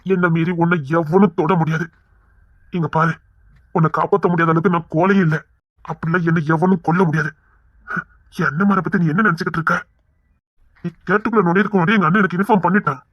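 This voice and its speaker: A man voicing a protective young man who is hurt but stays loyal to his lover. He speaks slowly and reproachfully, and reassures her firmly. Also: high-pitched, steady tone, no room sound. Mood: firm reassurance. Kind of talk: audio drama acting. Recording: dry, dull lo-fi recording.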